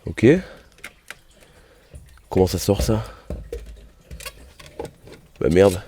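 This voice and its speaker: Casual low-voiced man vlogging about his car. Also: fairly even intonation, drawn-out words, mellow, a little hiss or hum. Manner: casual, swears often, thinks aloud while working. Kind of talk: casual vlog commentary. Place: car and home garage.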